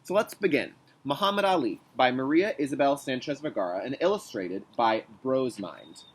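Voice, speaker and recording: Speaking at normal speed in a mid-range voice, a male kindergarten teacher reads a storybook aloud to young children with expression and emphasis. He breaks things down in simple instructional phrasing and asks check-in questions.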